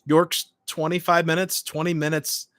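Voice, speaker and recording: A man's voice: a little high, level tone, moderate pace, fairly bright tone, no room sound. A man in his late twenties hosting a livestream, chatting informally and hopping between short remarks as he answers comments. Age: late 20s. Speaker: livestream host. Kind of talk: casual livestream chat, reading and answering comments.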